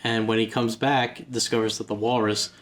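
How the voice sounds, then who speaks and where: A podcast co-host calmly recapping a film's plot in a casual chat. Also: mid-range voice, moderate pace, a little hiss or hum. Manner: steady summarizing narration.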